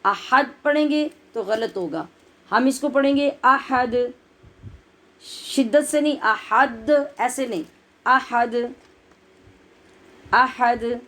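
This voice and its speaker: A woman gives a tajweed lesson, her voice sitting a little high. She explains pronunciation mistakes in plain teaching speech. She then models each word and verse in a slow, drawn-out recitation. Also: animated, low-quality recording.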